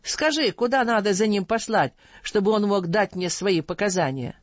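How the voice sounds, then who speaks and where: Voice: mid-range voice, moderate pace, dry recording, muffled recording, lightly acted. A reader voicing a stern, just older caliph who questions sharply, in an audiobook. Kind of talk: audiobook reading.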